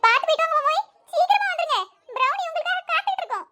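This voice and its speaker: A woman playing a very high-voiced cartoon daughter-in-law, bright, eager, giggly. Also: animated, very fast, heavily acted. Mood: chirpy. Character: clumsy young daughter-in-law, proud home cook. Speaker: cartoon voice actor. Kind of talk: cartoon comedy voice acting.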